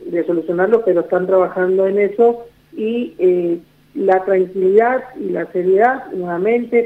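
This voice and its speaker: A man's voice: high voice, creaky. A man with an Argentine Spanish accent, an executive director speaking as a guest in a radio phone interview, reassuring and repetitive with many fillers. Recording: tinny phone line.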